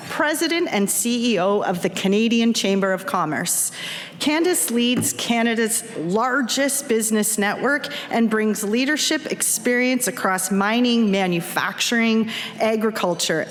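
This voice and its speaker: A woman hosting an event, reading a formal scripted introduction with polished corporate enthusiasm. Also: mid-range voice. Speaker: event host introducing the keynote speaker. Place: large indoor event hall, on stage. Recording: echoey hall with clear background noise.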